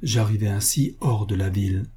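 A man reading a literary tale aloud as narrator, measured and expressive. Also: fairly low pitch, husky. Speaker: audiobook reader.

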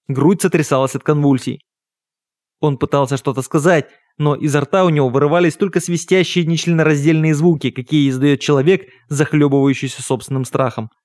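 A man narrating a first-person literary audiobook in a measured, even storytelling manner on a close studio mic. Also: a little high, no room sound.

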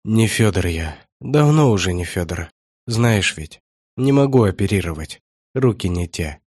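A man voicing a shrill, irritable old male trader in an audiobook, snapping and squealing at those around him. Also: lively intonation, unhurried, a little mellow, husky, dry recording, clean studio sound, full character voice. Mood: weary grumbling. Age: older. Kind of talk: audiobook character voice.

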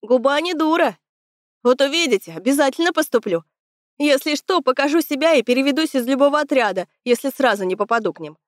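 A woman's voice: a little high, animated, brisk, no echo, clean studio sound, natural voice. A woman voicing a tall, sturdy young male cadet who talks in a confident, eager way.

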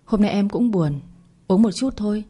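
A woman voicing a gentle, sad young sister-in-law who coaxes softly, in a storybook telling. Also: mid-range voice, moderate pace, slightly rough, close to an everyday voice. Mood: coaxing.

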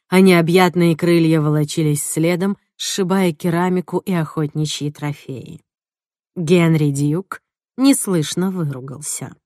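A woman narrating a detective story in the first person, in a measured, wry reading. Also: low voice, a little mellow, no echo, clean studio sound. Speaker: audiobook narrator.

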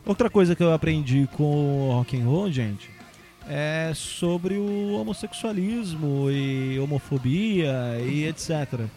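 A man hosts a relaxed podcast chat. His voice sits a little high, and he tells stories about his youth in a joking but thoughtful way. Soft music plays faintly behind him. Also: slow. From São Paulo, Brazil. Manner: storytelling, joking, reflective. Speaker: podcast host. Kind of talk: casual chat.

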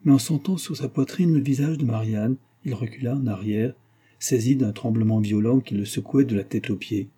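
Male audiobook narrator, measured reading, very dark and husky voice. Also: medium pitch.

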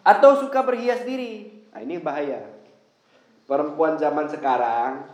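A man giving a lively religious lecture, telling everyday stories and acting out quoted voices. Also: on the high side, normal speed. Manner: animated storytelling, acts out quoted voices. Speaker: preacher. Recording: echoey hall with faint ambience.

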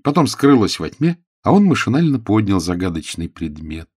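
A man narrating an audiobook with a lively, expressive reading. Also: on the low side, moderate pace, breathy edge, dry recording, clean studio sound.

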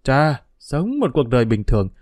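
A man's voice: mid-range voice, sing-song, normal speed, darkish tone, no echo, studio quality, close to an everyday voice. A man voicing a stubborn, domineering older mother who scolds her daughter with contempt, in a storybook reading. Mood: scolding.

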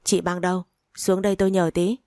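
A woman's voice: on the low side, little pitch movement, fairly quick, mellow, no echo, studio quality, lightly acted. A woman reading the lines of a greedy, spiteful older mother-in-law who scolds and curses. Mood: cold. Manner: scolding, cursing, sneering.

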